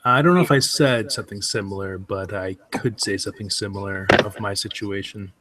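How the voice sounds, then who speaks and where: A man's voice: on the low side, a little fast, bright, forceful tone. Laid-back male podcast co-host. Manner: laid-back, laughs easily. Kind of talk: casual chat.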